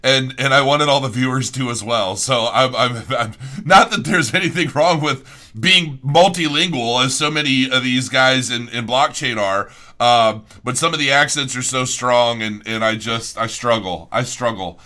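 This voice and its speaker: A man's voice: mid-range voice, normal speed, pushed and bright. A man hosting a live-streamed interview, joking around and often stammering on restarts. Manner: stammers and jokes, self-deprecating. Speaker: host.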